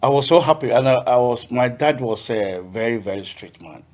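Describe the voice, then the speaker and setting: A man from Ghana, a podcast guest telling his story in a cheerful, halting way, often repeating words. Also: mid-range voice, animated, a little mellow. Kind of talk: casual interview.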